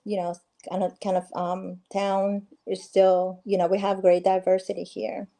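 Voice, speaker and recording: On a video call, a friendly middle-aged woman from Peru, who works as a real estate agent, answers casual interview questions, frequently restarting and using fillers. She speaks at a normal speed in a mid-range, mellow, slightly gravelly voice with a level tone.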